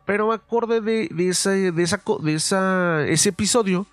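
A young man with a Mexican accent, telling a story casually on his podcast, swearing freely and filling pauses with "eh". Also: high voice, no echo. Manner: profane, loose, full of fillers. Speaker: podcast host.

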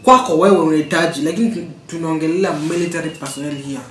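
Casting: young Kenyan male, slightly high voice, slangy Swahili-English banter, echoey distant mic. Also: quick pace. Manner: slangy, switches between Swahili and English, debating. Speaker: podcast co-host. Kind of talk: casual chat. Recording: roomy, distant mic, faint noise.

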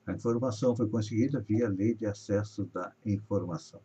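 Man from Brazil, news host, reads headlines with emphasis, mellow husky voice. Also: on the low side, brisk. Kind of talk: reading regional news on a live show. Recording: dull lo-fi audio.

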